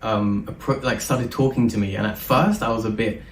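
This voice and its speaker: A man's voice: fairly low pitch, fairly even intonation, normal speed. A man, an interview guest speaking earnestly and hesitantly with frequent ums. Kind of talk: conversational interview. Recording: echoey room, distant mic, faint background noise.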